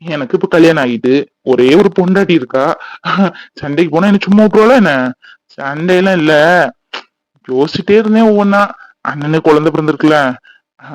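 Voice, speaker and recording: Male actor as a worried young cartoon husband, high-pitched, pleading, dry studio sound. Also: no room sound, lightly acted, low-quality recording. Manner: fretful, pleading. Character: young worried husband, soft-hearted and remorseful.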